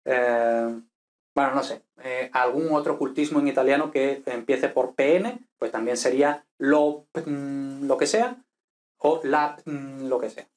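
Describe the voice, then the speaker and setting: A man's voice: mid-range voice, fairly even intonation, a little slow, darkish tone. A man teaching an online grammar lesson, explaining step by step and often checking with tag questions and fillers. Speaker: language teacher.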